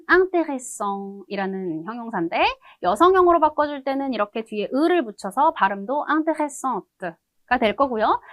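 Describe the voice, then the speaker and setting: A woman teaching an online language lesson, with a bouncy, animated pitch that rises and falls a lot. She explains patiently and answers her own questions. Her voice is close and dry, with no room echo. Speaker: French teacher.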